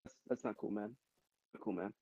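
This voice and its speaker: A man guest on a casual podcast, teasing in a deadpan way. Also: fairly low pitch, normal speed, gravelly, no room sound, lo-fi sound. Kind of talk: casual chat.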